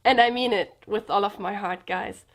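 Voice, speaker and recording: A woman's voice: medium pitch, moderate pace. A young woman vlogger speaking earnestly and emotionally to her viewers, sharing a personal story and addressing them directly. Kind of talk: personal confessional vlog.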